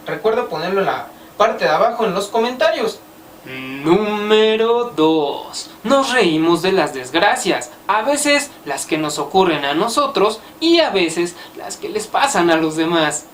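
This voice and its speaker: A Mexican woman telling jokes to camera in a casual, playful way. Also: medium pitch. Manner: animated, playful delivery. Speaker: vlogger. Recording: roomy, mic at some distance, faint background noise.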